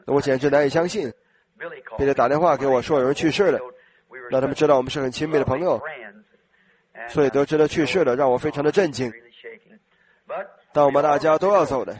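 A slightly hoarse man preaching an informal sermon, talking conversationally to his congregation and asking them questions. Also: medium pitch, darkish tone, low-quality recording.

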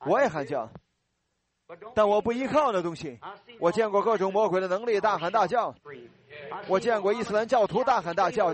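High-voiced man preaching an altar call. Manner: earnest, pleading, repeats blessings.

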